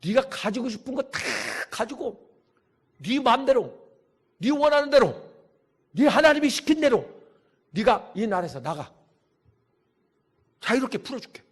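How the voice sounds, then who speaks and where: A man voicing a defeated pharaoh king who shouts and pleads in surrender. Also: extremely high pitch, very animated, normal speed, long pauses, breathy edge, pitched above the performer's own voice, full character voice. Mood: pleading surrender.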